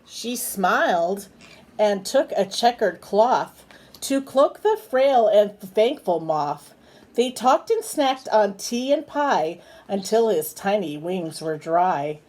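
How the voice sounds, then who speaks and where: With a mid-range voice, a darkish tone, and lively intonation, a woman reads from a children's book. She takes it slowly, breaking away for chatty moments where she coaxes a small bird with simple questions.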